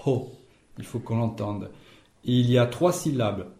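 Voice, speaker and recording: A man's voice: mid-range voice, expressive, normal speed, mellow. Patient male language teacher, echoey room. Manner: patient, corrects pronunciation step by step. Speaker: Esperanto teacher. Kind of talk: classroom language lesson.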